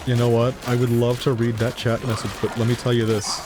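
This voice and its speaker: A man's voice: mid-range voice, level tone, brisk, over music. Chatty man streaming gameplay. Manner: rambling, chatty, swears casually, laughs often. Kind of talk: casual live-stream gameplay commentary.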